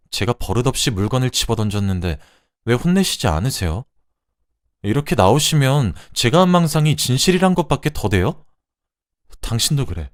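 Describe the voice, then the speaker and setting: A man voicing a furious, betrayed young wife who shouts shrill accusations. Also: no echo, clean studio sound, natural voice.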